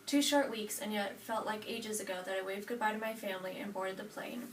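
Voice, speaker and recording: An eighteen-year-old woman from Nebraska reads her own narrative speech from note cards, at a steady pace with the odd self-correction. She sits back from the microphone in a roomy space, with a faint hiss under her voice. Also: mid-range voice, a little fast. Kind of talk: reading a prepared personal narrative speech. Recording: roomy sound from a distant mic.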